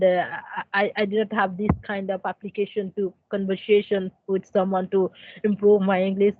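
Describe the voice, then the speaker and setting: A woman's voice: mid-range voice, no room sound. Woman, hesitant speech with fillers, dry close sound, muffled lo-fi call. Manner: hesitant, many fillers and restarts, non-native grammar. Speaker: conversation practice partner. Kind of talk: casual conversation practice. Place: indoors in a room. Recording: dry, dull lo-fi call audio.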